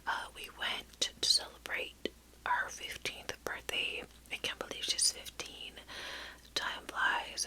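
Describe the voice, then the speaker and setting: A middle-aged woman whispering a rambling, hesitant ASMR story close to the mic while chewing gum. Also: poor audio. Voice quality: soft unvoiced whisper. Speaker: ASMR vlogger.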